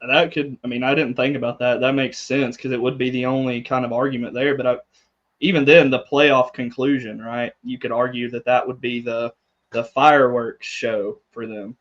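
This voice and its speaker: A man's voice: mid-range voice, flat delivery, normal speed, a bit bright. Man co-hosting on a dull lo-fi mic. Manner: hedging, thinks aloud. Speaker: podcast co-host. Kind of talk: casual chat.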